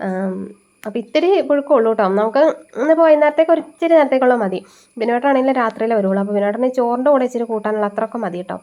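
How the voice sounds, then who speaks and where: A quick, chatty woman in her thirties talks through her cooking like a homely vlogger. Her voice sits a little high and mellow, with the stuffy, nasal edge of a cold. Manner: chatty, homely, explains each step. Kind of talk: casual chat while cooking.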